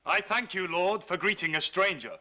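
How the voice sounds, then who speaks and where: An actor playing a proud, earnest young warrior prince in a myth drama, with declamatory delivery. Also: male voice, sits high, normal speed, bright, forceful tone. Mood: respectful, steady.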